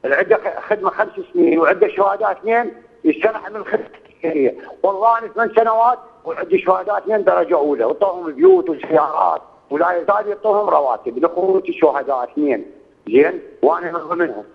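Racing along in a high, creaky voice, a sixty-something Iraqi caller complains on a call-in radio show about his hardship. The phone-quality recording carries his Iraqi Arabic accent as he pleads, swears oaths and goes over the same points again.

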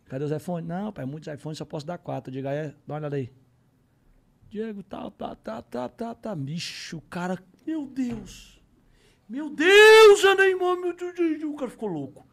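Man, fairly high voice, comic podcast storytelling, excitable, slangy, swears a lot. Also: normal speed, creaky. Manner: excitable, swings from low mutters to loud exclamations; slangy and profane. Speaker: comedian guest on a podcast.

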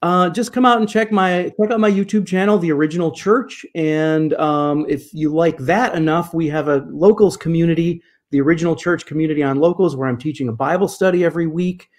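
A man in his fifties, a guest church historian, speaking over a video call from a home study, emphatic and animated with rhetorical questions. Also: a little high, fairly quick, few pauses. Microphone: video call webcam.

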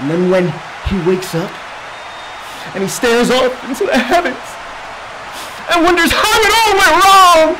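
Boastful pro wrestler, theatrical promo, slow drawn-out delivery, high animated voice, noisy recording. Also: male voice. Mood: grandiose. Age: young adult. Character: cocky, bombastic pro wrestler bragging in third person. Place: small indoor set, dark backdrop.

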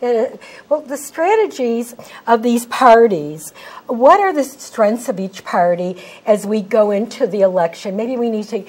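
A woman's voice: fairly high pitch, animated, unhurried, darkish tone. A woman hosting a local talk show, speaking casually with many fillers and restarts. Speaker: host.

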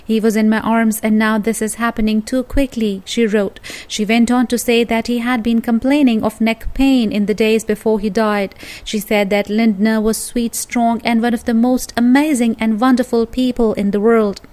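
Higher-voiced woman reading news. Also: flat delivery, moderate pace, hardly any pauses, darkish tone. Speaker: news channel host. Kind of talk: scripted news narration.

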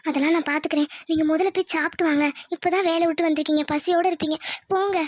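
A woman's voice: extremely high pitch, fairly even intonation, racing, no echo, clean studio sound. A woman voicing a young village wife in a cartoon who insists on being left alone and keeps fussing over her husband. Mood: insistent. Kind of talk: cartoon voice acting.

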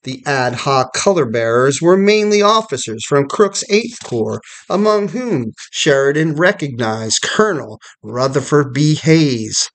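A man with a somewhat higher-than-usual voice reads a scripted history documentary. He narrates in a measured, storytelling manner, with the even pacing of a prepared script.

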